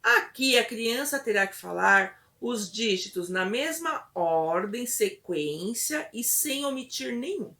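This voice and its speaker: A woman instructor patiently explaining a test step by step, often pausing to check in with her listeners. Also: fairly high pitch, expressive, pushed and bright.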